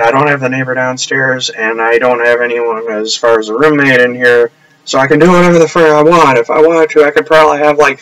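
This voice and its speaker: A man's voice: mid-range voice, rough recording. A man rambling casually on a live stream from his upstairs apartment, trailing off and restarting often.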